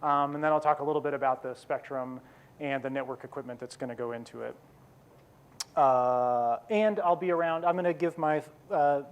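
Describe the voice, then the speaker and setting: A man in his forties giving a conference keynote, quick and self-deprecating, with many fillers and restarts. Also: mid-range voice. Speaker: keynote speaker. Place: conference hall.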